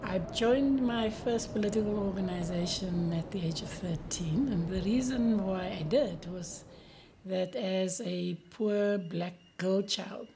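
A woman from Cape Town, giving quick, soft-spoken interview testimony. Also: mid-range voice. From Cape Town, South Africa. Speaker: interviewee, activist. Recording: noticeable background ambience noise.

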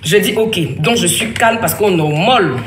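A mother tells her family story in a mid-range voice at a moderate pace, the echoey room carrying faint ambient noise. Her casual testimony is rambling and emphatic, full of restarts and quoted lines she performs for the other people involved.

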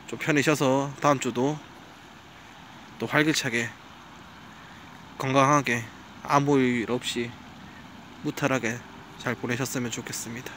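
A man's voice: medium pitch, fairly bright tone, slight background noise. A man chatting casually to camera while walking his dog by a riverbank outdoors, now and then coaxing the dog. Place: outdoors by a gravel riverbank at dusk.

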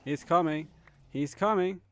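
A man's voice: a little high, a little slow. A young man live-streaming a game, chatting casually with viewers, laughing often and calling people bro and man. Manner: laid-back, laughs often, says "bro" and "man" a lot.

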